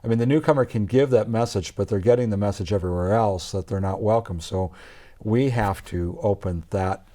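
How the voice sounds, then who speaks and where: A man's voice: on the low side, fairly quick, mellow. A man, a pastor and guest, speaking earnestly in an interview and agreeing often. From Canada. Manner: earnest, with constant brief agreement sounds. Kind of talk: conversational interview.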